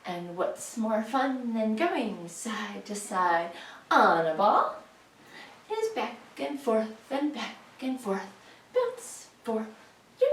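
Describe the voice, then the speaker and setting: A woman leading a home workout, chatty and playful, cueing moves in a sing-song voice. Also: fairly high pitch. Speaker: fitness instructor. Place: room at home. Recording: echoey room, voice from far off.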